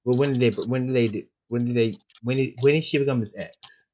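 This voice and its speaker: A man's voice: mid-range voice, fairly quick, a little mellow, a little hiss or hum. A man co-hosting a casual podcast, rambling and restarting his sentences, with sarcastic asides. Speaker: podcast co-host.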